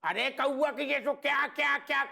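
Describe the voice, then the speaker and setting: A gravelly blustering village cop. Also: male voice, very high-pitched, normal speed, exaggerated voice. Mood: scolding banter. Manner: shouting, rough bossy banter. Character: blustering rustic male police inspector. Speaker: police inspector.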